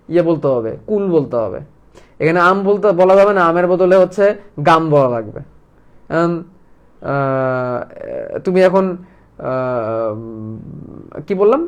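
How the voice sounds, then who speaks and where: Give me a guy teaching biology, a bit high voice, talks quick and lively. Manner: lively, asks students questions and plays out molecules as characters. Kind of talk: casual online lesson.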